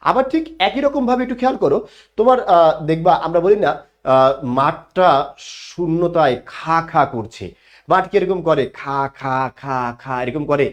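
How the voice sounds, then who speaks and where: Casting note: male teacher, explanatory, pitch a touch high. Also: animated, moderate pace, long pauses. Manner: explanatory, asks questions and answers them himself. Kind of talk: online class lecture.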